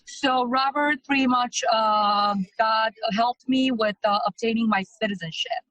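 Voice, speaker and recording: A woman in her thirties, originally from Romania, chats loosely as a guest in a casual testimonial interview, hesitating often. Her slightly high, fairly bright voice moves at a measured pace, in a dry recording of poor audio quality.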